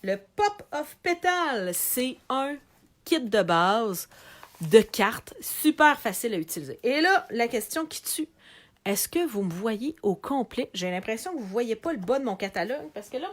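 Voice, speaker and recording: A woman's voice: a little high, big pitch swings, unhurried, a bit bright. Québécois lady chatting on a live sales video, talks straight to her viewers, voice bouncing all over. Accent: Québécois French. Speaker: craft product seller.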